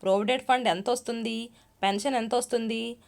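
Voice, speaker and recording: A woman's voice: a little high, steady tone, brisk, vocal fry. Storybook role: shrewish middle-aged mother, harsh and scolding, read by a woman narrator. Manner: harsh, cursing, shouting.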